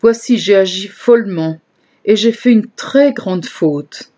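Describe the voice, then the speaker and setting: A woman voicing a remorseful older male king in a scripture reading, measured and contrite. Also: mid-range voice, dark tone.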